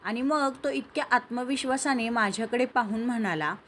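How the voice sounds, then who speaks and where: A woman's voice: fairly high pitch, normal speed, fairly bright tone, slight background noise, natural voice. A woman reading as a playful young woman colleague.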